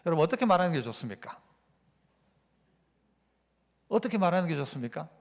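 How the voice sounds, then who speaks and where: Animated high-voiced male pastor in reverberant church. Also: racing, creaky. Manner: animated, asks the congregation rhetorical questions. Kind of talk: sermon. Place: church sanctuary. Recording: long church-hall reverb.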